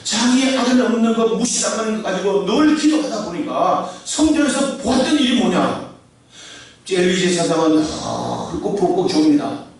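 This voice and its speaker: High-voiced male pastor in an echoing hall. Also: big pitch swings, normal speed. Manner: emphatic preaching, calls the congregation to say amen. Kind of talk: sermon. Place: large echoey church sanctuary. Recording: very echoey hall, voice from far off the mic.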